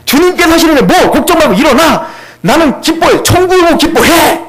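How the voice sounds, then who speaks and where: A man preaching puts on the voice of a fervent apostle, shouting short commands and exhortations. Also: extremely high pitch, animated, normal speed, voice pushed up, heavily acted. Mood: exhorting.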